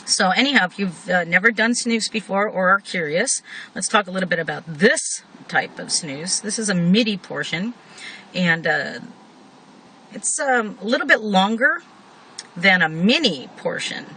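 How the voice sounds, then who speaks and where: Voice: medium pitch, animated, moderate pace, sharp tone, poor audio. A person giving a casual, rambling product review in a chatty way, talking with a tobacco pouch tucked in the upper lip. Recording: noticeable background noise.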